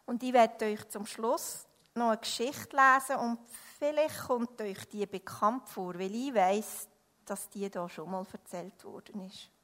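A woman preaching a sermon earnestly, moving from loud emphasis to hushed words, then praying. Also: on the high side, a little slow. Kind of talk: sermon with story reading and prayer.

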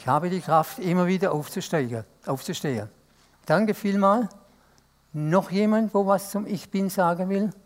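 A man's voice: high voice, normal speed. A male pastor preaching an interactive sermon and asking the congregation to answer aloud. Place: church service.

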